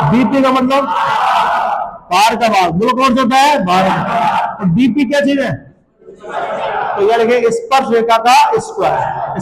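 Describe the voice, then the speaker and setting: A man with a very high voice teaches maths in a classroom, drilling students with quick questions and calling out the answers loudly. His voice rings with a long reverb around the room. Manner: quizzes the class in call-and-response, often shouting answers. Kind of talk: classroom lecture.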